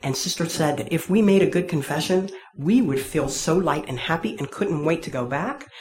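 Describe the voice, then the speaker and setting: A woman tells an audience her personal faith story as a testimony, candid, wry and self-deprecating. Her low voice is a little mellow, with lively intonation at a normal speed.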